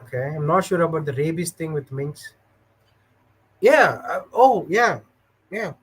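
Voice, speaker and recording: His voice sits a little high, with lively intonation, a slightly slow pace and a touch of roughness. The man is a livestream host telling stories in a loose, hesitant, filler-heavy way while chatting with viewers and going through their comments.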